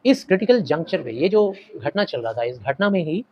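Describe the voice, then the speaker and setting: A man's voice: fairly high pitch, big pitch swings, lo-fi sound. Middle-aged male teacher explaining a story. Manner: explains slowly, glossing words and mixing languages.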